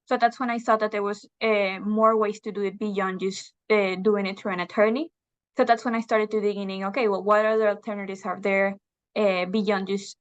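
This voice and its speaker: A young woman from Venezuela answers interview questions in a thoughtful, hesitant way, often pausing with fillers. Her voice sits at a middle pitch, and the recording has a slightly dull, lo-fi sound. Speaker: interview guest. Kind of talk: video interview.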